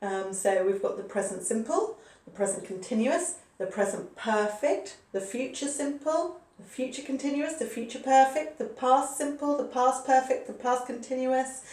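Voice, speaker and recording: A woman in her forties teaches a recorded grammar lesson in a high, slightly mellow voice at a moderate pace. She is patient, repeats key points, and says "okay" often, sounding a bit far from the mic in an echoey room.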